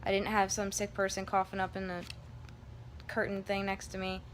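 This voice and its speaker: Recounting something that happened to her, this woman talks to her vlog viewers in a loose, candid, rambling way. Her medium-pitched voice stays monotone at a normal pace, with background room noise in the recording.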